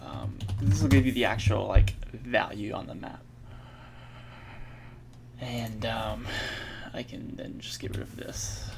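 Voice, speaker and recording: A man thinking aloud while he codes, halting and correcting himself, with many fillers. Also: lowish voice, gravelly, background noise. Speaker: programmer streaming his coding practice. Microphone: earbuds mic.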